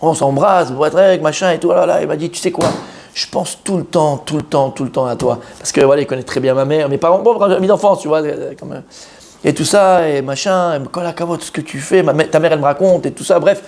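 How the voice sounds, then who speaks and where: Fast-talking rabbi telling a story. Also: male voice, a little high, gravelly, a little hiss or hum. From Israel. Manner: animated storyteller who acts out quoted voices. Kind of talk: storytelling sermon.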